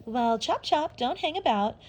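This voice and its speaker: A woman's voice: sits high, lively intonation, unhurried, voice pushed up. A woman voicing a snooty young mermaid who sniffs and gives orders. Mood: haughty. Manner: sniffy, imperious. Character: haughty, bossy young mermaid.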